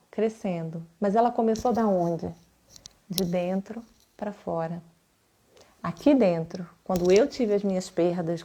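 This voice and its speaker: A woman's voice: medium pitch, warm tone. A woman with a Brazilian Portuguese accent who teaches bath therapy. She gives a live class in a chatty way, uses personal examples and often checks in with her audience. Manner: conversational, with frequent tag questions to the audience.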